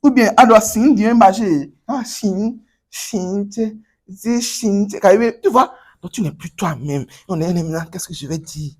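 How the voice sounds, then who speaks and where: A man's voice: sits high, unhurried, husky. A man coaching a class on Chinese pronunciation, drilling students and repeating words energetically.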